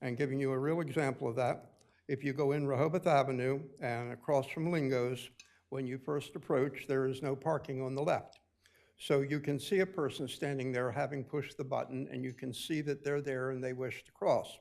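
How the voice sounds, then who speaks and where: A man giving a deliberate public comment at a city committee meeting, explaining street safety step by step. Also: medium pitch, fairly even intonation, creaky, a little mellow. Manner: deliberate, explanatory, with occasional restarts.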